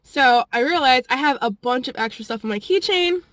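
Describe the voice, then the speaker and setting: Young woman vlogger, rambling chatty storyteller who laughs between phrases; bright, forward voice, a touch high, very dry close sound. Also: lively intonation, fairly quick, no room sound. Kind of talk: casual storytelling vlog.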